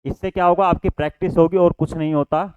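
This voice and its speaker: Clear-voiced male Hindi tutor, quizzing his students. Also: fairly high pitch, fairly even intonation, fast, no echo, narrow, tinny audio. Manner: explains step by step, often asks the class questions and answers them himself; addresses students as children, repeats "ठीक है". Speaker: Hindi teacher. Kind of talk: online exam-prep lesson.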